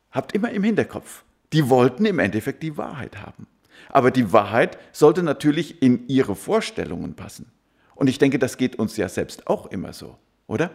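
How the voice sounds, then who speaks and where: A man's voice: medium pitch, darkish tone. A man preaching a sermon who keeps asking his listeners rhetorical questions.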